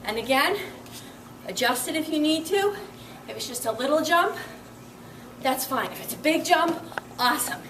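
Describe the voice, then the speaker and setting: A woman's voice: high-pitched, animated, moderate pace, pauses often, roomy sound, recorded from a distance, noisy background. A young woman leading a workout as fitness instructor, upbeat and encouraging, counting reps and a little out of breath.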